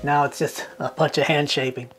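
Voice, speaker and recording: A man's voice: fairly high pitch, little pitch movement, moderate pace, over loud music. A man in his fifties explaining a lure build step by step in a home workshop, thinking aloud as he goes. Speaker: lure maker demonstrating a build. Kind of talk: workshop tutorial.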